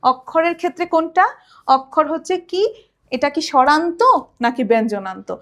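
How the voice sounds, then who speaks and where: A woman's voice: high-pitched, expressive, moderate pace. A woman college lecturer from Bangladesh, giving a recorded lesson and explaining step by step, often asking a question and answering it herself. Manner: recites children's rhymes to show rhythm.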